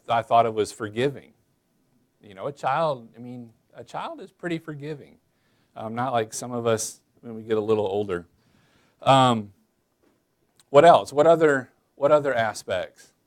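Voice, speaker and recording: A man preaching a casual, chatty sermon in church, asking the congregation questions and filling pauses with "um" and "uh". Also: mid-range voice. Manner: folksy, chatty, many fillers, addresses listeners as y'all. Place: church sanctuary.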